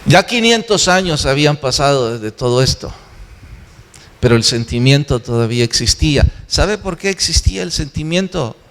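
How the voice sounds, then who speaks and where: A man's voice: a little high, lively intonation, normal speed, fairly bright tone. A man preaching a sermon as pastor, earnest and exhorting, often asking questions and answering them himself. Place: church sanctuary. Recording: long hall reverb.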